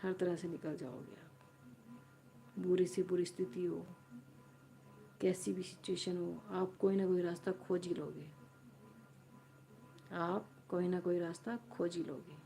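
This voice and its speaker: A woman's voice: lowish voice, fairly even intonation, takes it slowly, vocal fry, pauses often, mellow. A woman on a live stream, casually retelling a story to her viewers and repeating and rephrasing her lines as she goes.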